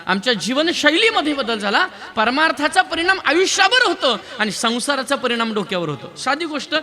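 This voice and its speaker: A male devotional preacher delivering a lively sermon, teasing and quizzing his live audience. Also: very high-pitched, normal speed. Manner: lively, quizzes and teases the crowd, counts raised hands. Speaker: kirtan preacher.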